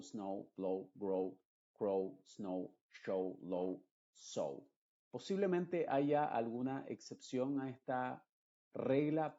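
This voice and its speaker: A man's voice: medium pitch, warm tone, highs cut off. A man, teaching English pronunciation patiently and repeating example words. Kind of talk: slow, explanatory lesson narration.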